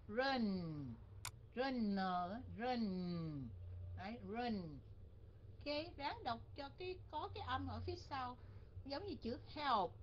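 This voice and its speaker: A woman's voice: high-pitched, lo-fi sound, slight background noise. A Vietnamese-speaking woman teaching English online, who coaches pronunciation by repeating words over and over.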